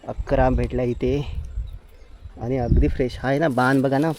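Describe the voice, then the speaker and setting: A man's voice: medium pitch, level tone, normal speed, background noise. A man with a Konkan Marathi accent narrates a casual vlog as he walks through forest and fields foraging wild mushrooms, often calling on viewers to look. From Konkan, India. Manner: repetitive pointing-out, walking while talking.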